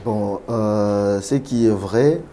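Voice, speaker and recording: A man from Kinshasa, a pastor and prophet, answering interview questions in a measured way with many hesitations. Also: fairly low pitch, warm tone, a little hiss or hum. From Congo (Kinshasa).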